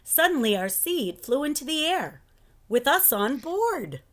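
In a living room at home, a middle-aged woman reads a children's picture book aloud with expressive, lively swings in her fairly high voice. She goes slowly and deliberately, like a teacher.

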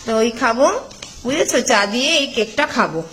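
A middle-aged woman talks to her viewers from her own home in a homely, chatty way, as if to friends. Her voice sits a little high. She holds a phone in one hand to record herself. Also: lively intonation, fairly quick, a bit bright, a little hiss or hum. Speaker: home vlogger. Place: home, indoors. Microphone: phone held in one hand.

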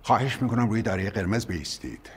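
A man's voice: on the low side, lively intonation, very noisy, close to an everyday voice. An actor playing a stiffly formal male attendant who keeps repeating his instructions in a TV comedy. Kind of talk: TV comedy acting.

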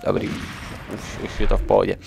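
A man's voice: warm tone, slight background noise. Chatty young man narrating his gameplay. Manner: chatty, muttering to himself while playing. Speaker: let's play gamer. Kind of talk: casual gameplay commentary.

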